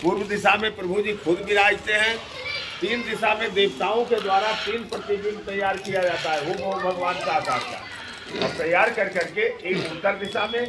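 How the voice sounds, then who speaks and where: A temple priest explaining religious history and lore in a steady, recited flow. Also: male voice, high voice, moderate pace. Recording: noisy outdoor background.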